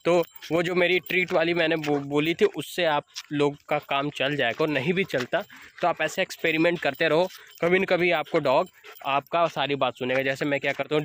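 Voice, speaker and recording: A man's voice: a little high, fairly bright tone, a little hiss or hum. A young man walking his dog outdoors, chatting casually as he explains training tips and calls to the dog. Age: young adult. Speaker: dog owner vlogger. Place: outdoors on an evening walk by fields.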